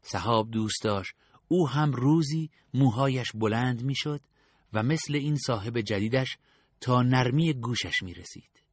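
A man reads a story aloud with a steady, even storytelling delivery. His voice sits at a middle pitch, and the recording sounds dry and close, with no room around it. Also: breathy edge, no room sound. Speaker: narrator. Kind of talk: audiobook narration.

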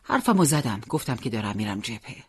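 A reader voicing a calm and determined teenage boy who speaks gently and earnestly. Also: mid-range voice, slightly rough, dry recording, clean studio sound.

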